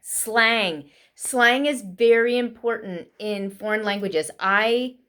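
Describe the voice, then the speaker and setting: A woman giving a casual spoken lesson with tips for English learners, talking quickly with frequent fillers. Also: a little high, a bit bright. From United States. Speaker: vlogger teaching English learners.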